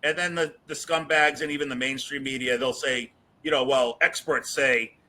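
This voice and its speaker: A man's voice: medium pitch, fairly even intonation, normal speed, bright, forceful tone, low-quality recording. A man from the Boston area, a guest in an interview, telling his story frankly and chattily and laughing through anecdotes. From Boston area, USA. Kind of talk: casual conversational storytelling.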